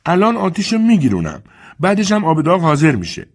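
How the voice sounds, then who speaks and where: A man's voice: fairly high pitch, huge pitch swings, pitched above the performer's own voice, exaggerated voice. A man voicing a heavy, weary old woman housekeeper who scolds in a drawling way, in an audiobook. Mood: placating. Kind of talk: audiobook character voice.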